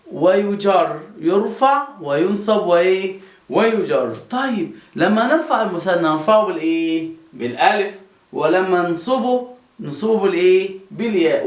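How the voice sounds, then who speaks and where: Egyptian male teacher, high animated voice, echoey room; quizzes kids, answers himself. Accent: Egyptian Arabic. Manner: lively, quizzing pupils and answering them himself. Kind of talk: children's grammar lesson.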